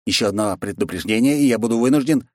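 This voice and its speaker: A man's voice: fairly low pitch, quick pace, a little mellow, dry recording, clean studio sound, voice pushed up, natural voice. Male narrator voicing a formal official in a storybook, stiff and correct. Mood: stern formal. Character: stern formal male tournament manager.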